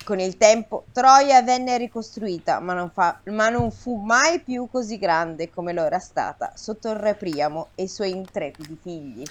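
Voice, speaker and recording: A woman's voice: mid-range voice, unhurried, hardly any pauses. A woman, co-hosting a casual podcast, reads an old myth aloud and breaks off now and then to banter. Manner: reads the story aloud with acted lines, stops to banter. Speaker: co-host reading a myth aloud.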